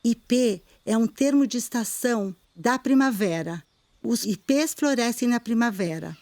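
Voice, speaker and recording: A middle-aged Brazilian woman with a fairly high voice teaches a poetry lesson. Her delivery is calm and measured, and she slows down when reciting verses. She has a clear Brazilian Portuguese accent. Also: dry recording. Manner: calm, measured explanation, slowing to recite poems. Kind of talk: video lesson.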